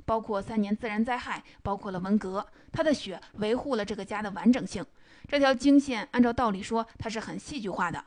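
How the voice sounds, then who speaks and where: A woman retelling and analyzing a novel in a measured, explanatory storytelling manner. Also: on the high side, darkish tone. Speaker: book commentator.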